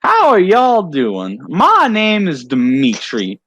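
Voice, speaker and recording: A man's voice: high-pitched, wildly swooping pitch, slow pace, fairly bright tone, voice pushed up, exaggerated voice. Man putting on a drawling Southern giant. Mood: friendly. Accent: American Southern. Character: huge muscular male Southern soldier, friendly.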